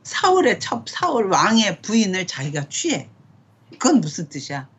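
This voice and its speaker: A woman's voice: medium pitch, sing-song, normal speed, breathy edge. A middle-aged woman casually teaching a Bible study at home, asking questions and reading scripture aloud. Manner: conversational, asks questions, reads scripture aloud. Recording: dull lo-fi home recording.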